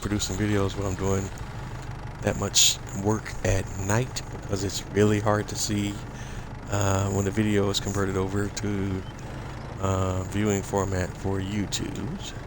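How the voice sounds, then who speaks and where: A man commentating his own farming game stream live, slowly explaining each step while losing his voice. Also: low-pitched, monotone. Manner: slow, explanatory, with filler pauses. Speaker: gaming streamer. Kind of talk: casual live gameplay commentary. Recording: loud game noise behind voice. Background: game vehicle and ambience sounds.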